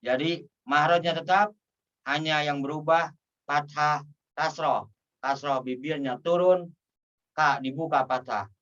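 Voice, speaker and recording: A man teaching Quran recitation who patiently draws out each syllable and repeats it in a slow drill. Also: fairly high pitch, steady tone, a bit bright, far from the mic, muffled recording. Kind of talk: slow pronunciation drill lesson.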